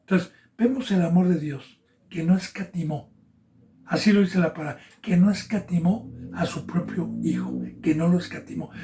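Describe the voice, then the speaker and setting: A male pastor from Mexico preaching a Bible sermon, swelling loud when he quotes scripture and dropping almost to a whisper between. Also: high voice, sing-song, normal speed, creaky, slight background noise.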